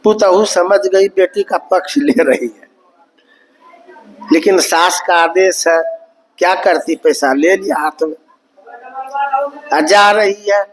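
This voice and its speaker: A man, speaking as a spiritual teacher in a storytelling sermon. His voice sits high, and his delivery is slow and unhurried. He slips into the quoted characters' lines as he narrates in a homely, folksy way. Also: rough recording. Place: satsang hall.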